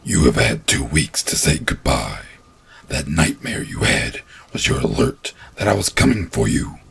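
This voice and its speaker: A man's voice: a bass voice, sing-song, a little slow, vocal fry, a bit bright, pitched below the performer's own voice, heavily acted. A man voicing a towering, rotting male monster like an evil Santa, who speaks coldly and hisses without mercy in a horror story. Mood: thundering. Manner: cold, hissing, unmoved.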